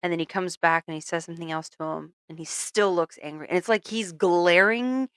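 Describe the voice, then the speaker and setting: A young woman co-hosting a casual podcast, chatting and telling an anecdote with animated quoted voices. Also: on the low side, a little fast, smooth, no echo. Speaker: podcast co-host. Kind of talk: casual chat, storytelling.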